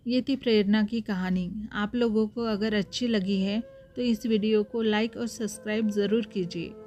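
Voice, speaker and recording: A woman reading a sad story aloud, slow and emotional. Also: medium pitch, fairly even intonation. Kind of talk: scripted story narration. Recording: soft music underneath.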